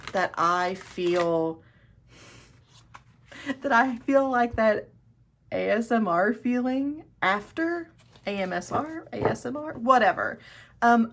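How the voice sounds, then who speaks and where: A woman with a mid-range voice hosts her own tarot video, chatting casually to camera, with a little hiss or hum in the audio. Enthusiastic and rambling, she often restarts and corrects her sentences.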